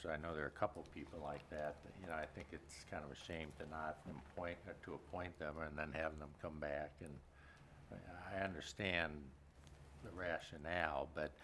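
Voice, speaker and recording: A man's voice: extremely low pitch, steady tone, moderate pace, a bit bright. A man on a town board arguing his point in a conversational, persuasive way. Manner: persuasive, conversational, rising when pressing a point. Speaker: select board member. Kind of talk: debating at a town board meeting. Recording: noisy meeting room recording.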